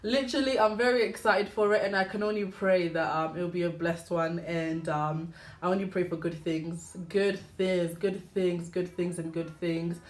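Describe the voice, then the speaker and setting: A woman's voice: on the low side, normal speed. Chatty woman in an echoey room. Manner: warm, chatty, animated, full of "you know". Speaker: podcast host. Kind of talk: casual faith podcast monologue.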